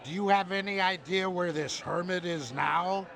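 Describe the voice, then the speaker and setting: A man voicing a bumbling, absent-minded old cartoon superhero with a creaky, theatrical delivery, over music. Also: high-pitched, normal speed, a faint crowd. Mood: heroic. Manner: theatrical heroic declaiming, easily muddled. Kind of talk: cartoon game voice acting. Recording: loud music behind the voice.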